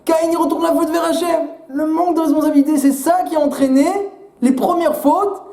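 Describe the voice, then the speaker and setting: A man who is a rabbi, giving a Torah sermon with rhetorical questions and animated retellings of midrash. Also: very high voice, fairly quick, reverberant. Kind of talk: Torah sermon in French with Hebrew terms.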